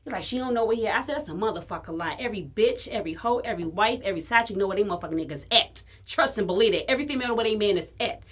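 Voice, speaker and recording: A woman from Chicago, co-hosting a podcast, telling a story in casual chat, animated and profane and acting out the dialogue. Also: mid-range voice, racing, few pauses, husky. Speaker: podcast co-host.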